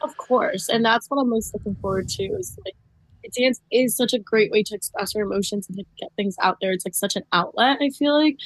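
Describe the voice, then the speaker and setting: A woman's voice: fairly high pitch, animated, a little fast, dry recording. A woman guest in a casual podcast interview, talking chattily with lots of "like" and "um". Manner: chatty, fills speech with "like" and "um".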